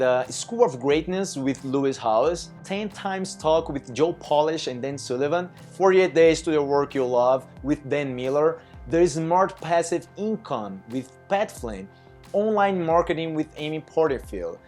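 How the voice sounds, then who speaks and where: A man's voice: fairly high pitch, a little mellow. A non-native English-speaking man with a Russian accent gives casual, chatty advice, peppered with filler phrases and acted-out bits of dialogue. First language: not English, learned it as a second language. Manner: chatty, frequent "you know", acts out little dialogues. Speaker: language-learning content creator. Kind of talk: casual advice talk to camera.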